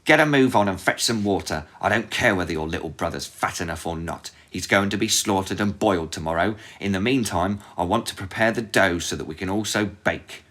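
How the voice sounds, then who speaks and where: A man voicing a cunning, cruel old witch in a storybook reading, with a shrill, commanding manner. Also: brisk, hardly any pauses, fairly bright tone. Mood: harsh.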